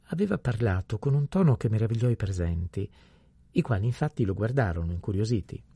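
A man narrating a radio play in a calm, even, raspy voice. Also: lowish voice, brisk, no echo. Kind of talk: scripted narration.

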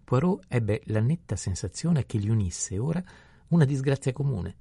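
A man narrating an audiobook in a measured, even storytelling manner. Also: mid-range voice, gravelly, husky, no room sound.

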